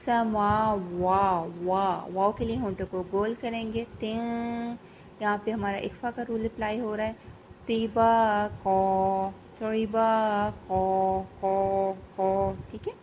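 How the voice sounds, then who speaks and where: A woman teaching Quran recitation rules, slowly drawing out each sound to demonstrate, then explaining briskly. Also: medium pitch, level tone. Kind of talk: tajweed lesson. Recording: dull lo-fi recording with faint background noise.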